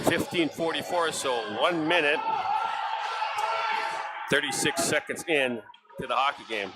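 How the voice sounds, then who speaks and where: Excitable high-voiced hockey announcer man. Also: loud music behind the voice, over a noisy crowd. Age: middle-aged. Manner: rapid, excitable calls that jump high on big saves. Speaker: play-by-play announcer. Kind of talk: live hockey play-by-play commentary. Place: ice arena broadcast booth. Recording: noisy arena stream.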